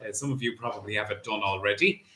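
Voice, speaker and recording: An Irish man working as a bingo caller, announcing in a deliberate, traditional bingo-calling manner. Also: on the low side, bright, forceful tone. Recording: echoey room, faint noise.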